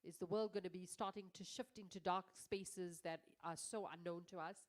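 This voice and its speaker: A woman moderating a panel discussion, her voice congested and nasal, asking lively questions. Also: lowish voice, normal speed.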